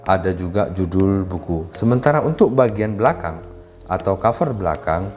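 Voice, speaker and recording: A man with a lowish voice teaches in a measured, orderly way, counting off points in turn. He speaks politely to his audience as ladies and gentlemen. Soft music plays faintly behind him. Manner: addresses listeners as "Bapak Ibu", lists points step by step. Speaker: writing instructor. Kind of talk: explanatory lesson.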